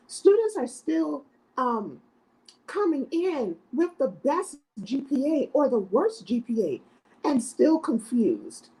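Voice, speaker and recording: A woman's voice: on the high side, darkish tone, husky, rough recording. A middle-aged woman from South Florida, an educator speaking as a podcast guest in an earnest, emphatic way, often adding "right?". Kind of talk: podcast interview.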